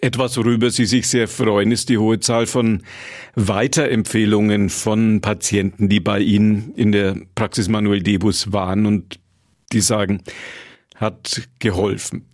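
A man's voice: on the low side, flat delivery, unhurried, a little mellow, no room sound, studio quality. A man hosting a podcast interview, asking his guest courteous questions.

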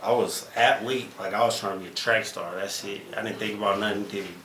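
A man's voice: fairly low pitch, steady tone, fairly quick, pushed and bright. Laid-back man in an echoey room. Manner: laid-back, drawling slang, trailing off. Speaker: stand-up comedian guest. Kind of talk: casual podcast chat. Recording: echoey room with faint noise.

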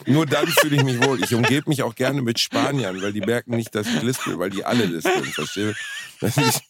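A man's voice: mid-range voice, brisk, background noise. A young man co-hosting a podcast who banters in a mock-pompous, ironic way with wordy phrasing. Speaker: podcast co-host. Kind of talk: casual comedy chat.

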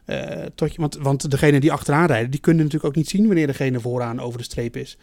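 A man's voice: medium pitch, fast, a little mellow, no echo. Male co-host, analytical chatter, lots of "eh" and restarts, dry close mic. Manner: explains at length with many fillers and restarts. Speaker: podcast co-host. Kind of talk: casual analytical chat.

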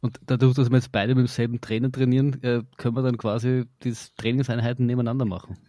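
A man's voice: medium pitch, flat delivery, fast talker, dark tone. A man with an Austrian accent telling stories in casual chat as a podcast guest, with a wry, joking manner.

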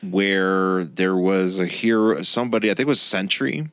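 A man hosting a podcast, casually explaining comic books in a halting, rambling way. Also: low voice, fairly even intonation, fairly bright tone, no room sound. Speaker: podcast host.

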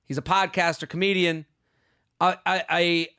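A man's voice: high-pitched, flat delivery, normal speed, pushed and bright, smooth. A man hosting a comedy podcast with an exuberant, repetitive, self-hyping manner, talking casually to his listeners. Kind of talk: high-energy podcast intro, casual plug to listeners.

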